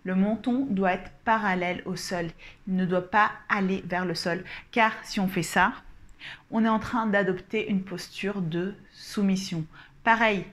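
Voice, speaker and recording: Female communication coach, mid-pitched, calm, deliberate, instructive delivery. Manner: gestures while explaining. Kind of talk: instructional coaching talk to camera.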